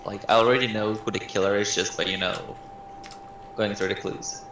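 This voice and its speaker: A man's voice: fairly low pitch, steady tone, moderate pace. A man teasing his friend in a casual argument, dismissive and mocking. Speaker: streamer's friend. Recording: roomy, noisy, off-mic.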